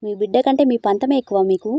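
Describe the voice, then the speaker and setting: An earnest, coaxing young suitor in a storybook, voiced by a woman reader. The tone is mellow and warm, and the recording is close and dry with no room sound. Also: mid-range voice, fast, no room sound, lightly acted. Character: young man, gentle and teasing suitor.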